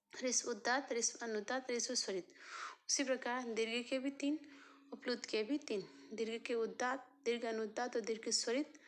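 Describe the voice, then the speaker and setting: A woman teacher giving a lecture, slow and repetitive, posing questions and answering them herself. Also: sits high. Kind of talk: Hindi grammar lecture.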